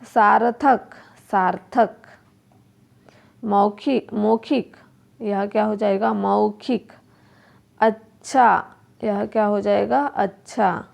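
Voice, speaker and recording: Slow, gravelly-voiced woman teaching a lesson. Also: mid-range voice, steady tone, darkish tone. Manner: slow, repeats words and asks questions to the pupils. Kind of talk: workbook lesson explanation.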